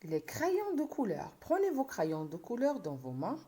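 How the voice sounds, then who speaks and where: Woman primary teacher, slow, careful, lively intonation. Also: mid-range voice. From Morocco. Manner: slow, syllable-by-syllable instruction. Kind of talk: classroom video lesson.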